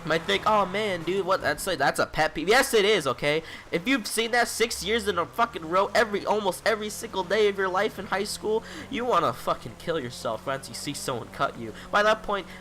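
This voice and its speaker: A man's voice: high-pitched, expressive, a little fast, hardly any pauses, sharp tone, a little hiss or hum. A young man in his late teens ranting in a rambling, exasperated vlog monologue, swearing constantly. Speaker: vlogger.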